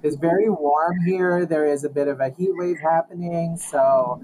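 A man in his thirties from the Philippines, a professor speaking as a podcast guest, answering in a measured, reflective way over a remote line. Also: a little high. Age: 30s. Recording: steady background noise.

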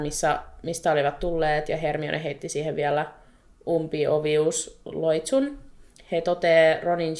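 Low-voiced woman retelling a story, animated. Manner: animated, exasperated, quick laughter, swears. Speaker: podcast co-host. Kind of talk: casual chat retelling a book chapter.

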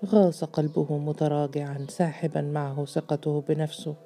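A woman narrates a story in a measured, deliberate way. Her voice is low and very dark, and soft music plays faintly beneath her reading. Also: level tone.

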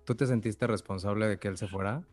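Male host, halting questions, faint music bed. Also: on the low side, a little mellow. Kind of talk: interview conversation.

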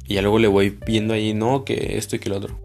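A man's voice: fairly low pitch, little pitch movement, fast, gravelly, a little mellow, faint music behind. A young man from northern Mexico with a Juárez accent, hosting a casual solo podcast in a loose, rambling, slangy way full of fillers. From Ciudad Juárez, northern Mexico. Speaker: podcast host.

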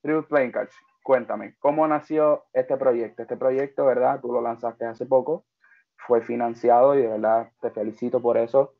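A man interviews a guest in a friendly, chatty way, with plenty of fillers between his questions. His voice sits at an ordinary pitch. It comes through a narrow, phone-like band. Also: steady tone, normal speed, vocal fry. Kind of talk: casual interview chat.

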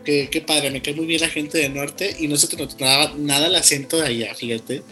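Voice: medium pitch, fairly even intonation, a little fast, sharp tone, faint music behind. A podcast host from León, Guanajuato, with that region's accent, chatting in a friendly, rambling way with a guest. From León, Guanajuato, Mexico. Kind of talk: casual interview chat.

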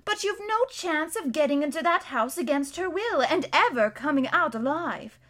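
A woman voicing a kindly, motherly female beaver who cautions gently. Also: high-pitched, lively intonation, moderate pace, voice pushed up. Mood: cautioning.

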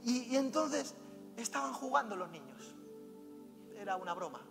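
A man's voice: very high-pitched, lively intonation, moderate pace, creaky. A man preaching a fervent, exhorting sermon and weaving in personal anecdotes, heard in a reverberant hall with music playing. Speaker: pastor.

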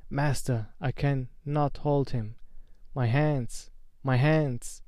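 A man reading aloud and voicing a nervous, desperate male teacher who serves a dark master and speaks in a strained, urgent way. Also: medium pitch, steady tone, slow pace, no room sound, clean studio sound, close to an everyday voice. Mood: panicked.

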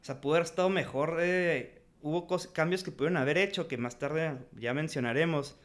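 A man's voice: on the high side, brisk, a bit bright. Slangy Mexican man reviewing a film. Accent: Mexican Spanish. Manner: slangy, frank, laughs often. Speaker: podcast co-host. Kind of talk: casual film review chat.

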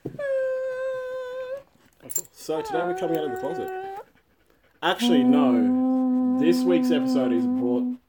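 Young male host with a lively, up-and-down voice. Upbeat banter, recorded inside a closet. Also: extremely high pitch, heavy background noise. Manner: lively, quick, laughs often. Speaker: podcast host. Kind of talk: casual chat.

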